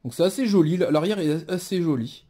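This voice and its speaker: A man's voice: fairly high pitch, fairly quick, dark tone. A man casually presenting a tarot deck card by card, musing aloud with many fillers and restarts. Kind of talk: casual show-and-tell presentation.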